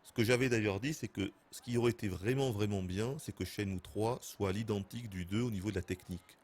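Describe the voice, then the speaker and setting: A man in his thirties giving casual, excitable gameplay commentary as a streamer, laughing and swearing often. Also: fairly low pitch, a little fast. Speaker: gaming streamer.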